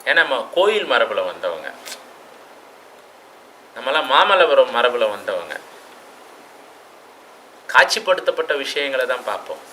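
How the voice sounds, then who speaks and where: Bright-voiced lecturer musing aloud. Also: male voice, mid-range voice, sing-song, unhurried, pauses often, slight background noise, poor audio. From Tamil Nadu. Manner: reflective, with rhetorical questions and sudden loud stresses. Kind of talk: classroom lecture.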